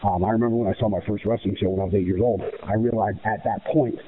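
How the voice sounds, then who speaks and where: This fairly low, slightly rough voice belongs to a U.S. pro wrestler who speaks at a quick clip with fairly even intonation. He gives interview answers in a confident, emphatic style, looping through repeated phrases. Audio is muffled and thin, like a phone line on the radio.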